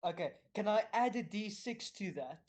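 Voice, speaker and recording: A player at a tabletop game with a middle-pitched voice. They jump in eagerly to ask about their turn and plead for the best possible roll. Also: expressive, normal speed, crowd noise. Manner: eager, pleading for big damage rolls.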